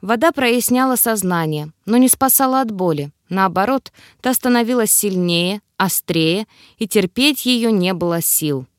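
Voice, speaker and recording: A woman reading an audiobook in a steady, expressive way. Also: mid-range voice, a little slow, dry recording, clean studio sound. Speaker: audiobook narrator. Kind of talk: scripted narration.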